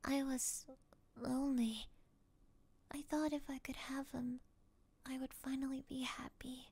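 A woman's voice: sits high, expressive, full character voice. A woman voicing a mocking, obsessive female hypnotist who keeps a captive under her control, in an audio roleplay. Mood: remorseful. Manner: teasing, slow and breathy, often laughing.

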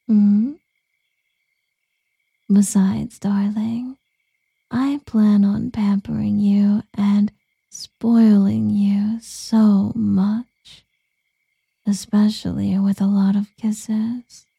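A woman's voice: medium pitch, little pitch movement, extremely slow, creaky, pauses often, husky, dry recording, clean studio sound, full character voice. A woman playing a whispering, doting succubus. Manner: soft whispering, cooing pet names. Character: seductive, doting female succubus lover. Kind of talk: ASMR roleplay.

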